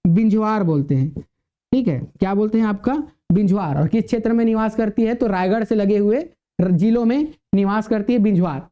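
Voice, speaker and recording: Male tutor, repetitive question-and-answer lecture, dull lo-fi recording. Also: high-pitched. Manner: asks the class questions and answers them himself, repeats key words. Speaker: teacher. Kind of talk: classroom lecture.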